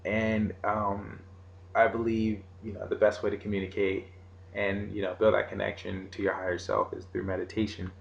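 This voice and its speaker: A man giving an informal meditation lesson in casual, halting, unscripted phrasing. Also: sits low, vocal fry. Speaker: meditation teacher. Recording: roomy echo, faint background noise.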